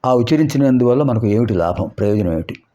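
In this dull lo-fi clip, a male Sanskrit teacher with a mid-range, dark-toned voice walks through grammar points. His intonation stays lively as he asks rhetorical questions and repeats sounds slowly so listeners can hear how they're pronounced.

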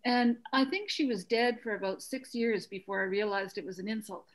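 A woman's voice: mid-range voice, fairly quick, low-quality recording. A woman with an Irish accent, an audience member on a video call, speaking with dry, wry humor.

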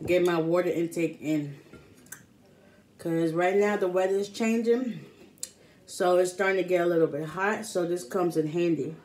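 Speaking at normal speed with a lowish, darkish voice, this woman in her thirties eats on camera and chats casually, her mouth frequently full. The mukbang clip is recorded clearly indoors in a small home room, with audible room noise behind her.

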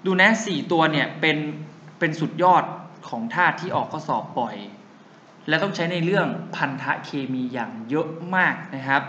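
Young male tutor, bright slow sing-song drilling, echoey classroom. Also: on the high side, animated, lo-fi sound, a little hiss or hum. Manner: calls himself big brother to students. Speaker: chemistry tutor. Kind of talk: classroom lecture with memory tricks.

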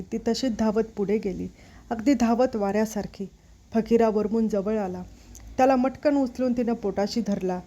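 Mellow-voiced woman storyteller. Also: medium pitch. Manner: steady, expressive narration. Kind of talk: reading a novel aloud. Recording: slightly dull recording.

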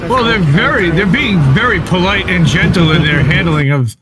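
A man's voice: high voice, lively intonation, moderate pace, very noisy. A male co-host making sarcastic quips and mock-agreeing in casual chat.

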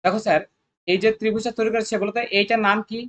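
A quick, energetic math tutor, running an exam-prep lesson at a brisk pace. The voice sits at a middle pitch and keeps up a constant call-and-response, asking students to supply each answer and coaxing them along with repeated prompts. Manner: coaxing, repetitive. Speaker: math tutor at a coaching centre.

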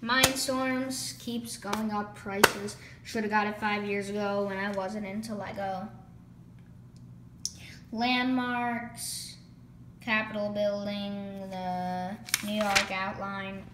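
Recorded on a phone in an echoey indoor room with clear background noise, a YouTuber browses a toy catalog in casual vlog commentary. Her medium-pitched voice is steady but hoarse, as she's losing it, and she rambles slowly, rattling off items with filler words.

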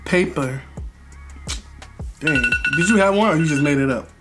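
A man's voice: fairly high pitch, normal speed, loud music behind the voice. A young American man hosting, chatting casually with teasing, competitive banter. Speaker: mukbang host. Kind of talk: casual playful banter, singing snatches.

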